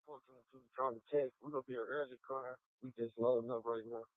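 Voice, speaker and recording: Fast-talking officer on police radio. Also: male voice, medium pitch, fairly even intonation, dry recording. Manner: terse, rushed radio replies. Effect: police radio transmission. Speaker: patrol officer. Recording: tinny narrow-band radio audio.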